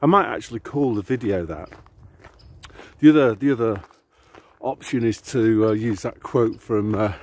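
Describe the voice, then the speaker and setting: A man with a lowish voice and moderate pace talks to camera while walking outdoors to the shops. He's a vlogger, and his casual chatter is rambling and sardonic.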